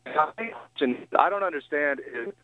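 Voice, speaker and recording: A man's voice: fairly high pitch, expressive, moderate pace. Male caller, hesitant and apologetic, tinny phone line that keeps breaking up. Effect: phone line cutting out. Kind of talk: call-in talk radio.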